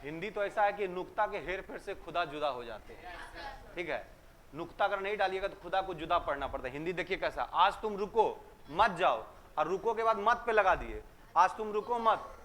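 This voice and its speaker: A man's voice: high voice, fairly bright tone, a little hiss or hum. A man teaching a class, telling jokes and quizzing students and repeating their answers back. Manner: joking storyteller, fires questions at students and repeats their answers.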